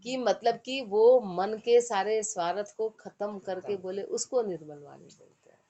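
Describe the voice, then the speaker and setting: A woman giving a devotional discourse who chants verse lines slowly and then explains them in plain, conversational speech. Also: mid-range voice, warm tone, dull audio, a little hiss or hum. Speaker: spiritual teacher.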